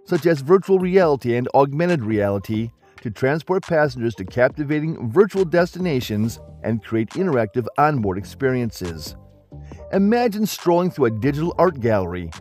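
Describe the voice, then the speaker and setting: A man delivers scripted documentary narration in a smooth, evenly paced promotional tone. His pitch rises and falls in a lively way across each sentence. Faint music plays beneath the voice-over.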